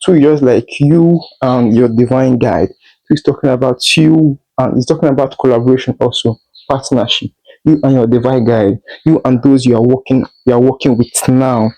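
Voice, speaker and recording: A man's voice: medium pitch, normal speed, mellow, poor audio. A man doing a tarot reading, speaking straight to the listener in a repetitive, reassuring way. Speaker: tarot reader.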